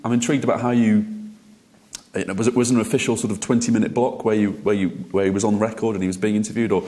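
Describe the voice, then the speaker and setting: A man's voice: on the low side, steady tone, mellow. A man interviewing a guest on stage, repeating words as he works out his questions. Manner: quick, stammering repeats while forming questions. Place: festival stage interview, indoors.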